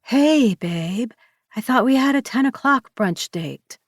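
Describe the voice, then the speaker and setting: A woman's voice: fairly high pitch, expressive, slow, no echo, studio quality, voice pushed up. A woman voicing a caring young woman in an audiobook, soothing and affectionate. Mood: sleepy. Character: warm caring young woman, best friend.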